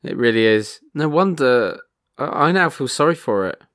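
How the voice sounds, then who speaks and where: A man co-hosting a podcast in casual chat, wry and quick to exclaim, often stammering as he restarts. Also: mid-range voice, animated, a bit bright, dry recording, studio quality. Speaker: podcast co-host.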